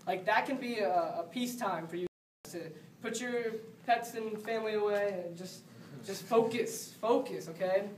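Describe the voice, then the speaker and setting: A man's voice: sits high, moderate pace, slight background noise. A young man giving a casual, pushy sales training to a team, repeating words and saying "like" often. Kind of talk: motivational training talk. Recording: echoey room, voice from a distance.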